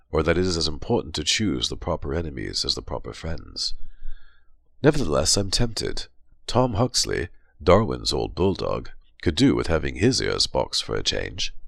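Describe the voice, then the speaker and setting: A man's voice: a bass voice, gravelly, a bit bright, no room sound. A man narrating an audiobook as a pompous, self-satisfied diarist. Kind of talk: dramatic diary narration. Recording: music bed behind.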